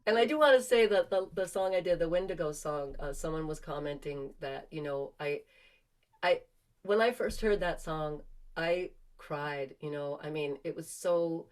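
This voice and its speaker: A woman folk singer chatting earnestly between songs, halting and laughing, then singing a protest song over guitar on a concert stage. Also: low voice. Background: acoustic guitar.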